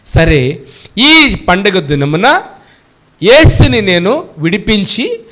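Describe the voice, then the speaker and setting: A man's voice: sits high, big pitch swings, slow pace, pushed and bright. A male pastor giving a Good Friday sermon in an emphatic preaching manner, firing questions at the congregation and urging them to answer aloud.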